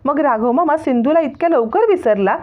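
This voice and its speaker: A defiant, sharp-tongued teenage girl, put on by a woman retelling a story speaks in a high, pointed voice. She fires off questions in quick bursts. The sound is thin and phone-like. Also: animated. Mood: indignant.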